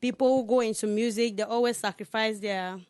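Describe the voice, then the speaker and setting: A young woman is a guest on a radio interview in a studio. She is a singer and talks earnestly, with casual "like" fillers. Her voice is smooth and clear, and the sound is dry and close. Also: fairly high pitch, fairly even intonation, fairly quick, a little mellow, no room sound. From Cameroon.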